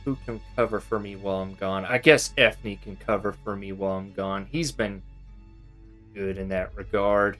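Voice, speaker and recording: Guy doing a worried, earnest crew guy in a tabletop rpg, measured and hesitant, faint music behind. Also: on the low side, level tone, fairly bright tone, close to an everyday voice. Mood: worried, reluctant. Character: earnest, worried male crew member reluctantly agreeing. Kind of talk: in-character tabletop role-play.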